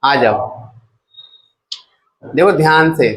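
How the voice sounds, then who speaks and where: Male chemistry teacher, coaxing call-and-response lecture, voice pitched a bit high, faint noise behind. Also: drawn-out words, fairly bright tone, poor audio. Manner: keeps asking the class to repeat terms; casual, coaxing teacher talk. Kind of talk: classroom lecture.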